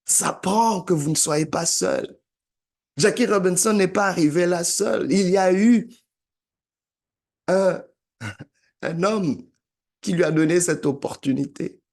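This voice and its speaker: A man delivers a motivational talk in an unhurried, emphatic cadence. His voice sits a little high for a man, and he leans on repetition like a preacher building a point. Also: creaky, a little mellow. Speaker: motivational speaker. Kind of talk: motivational sermon-style talk.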